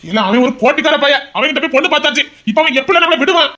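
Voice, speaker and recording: An actor playing a stern middle-aged father who scolds his son about marriage in a fast, insistent voice. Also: extremely high pitch, sharp tone. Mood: exasperated. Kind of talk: amateur audio drama.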